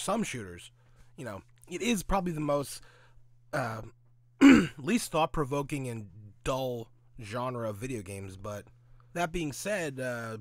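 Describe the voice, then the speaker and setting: Hosting a gaming commentary audio log, this man speaks on the high side with no echo in the recording. His casual takes are opinionated, crude and sarcastic, and he frequently asks himself questions and then answers them.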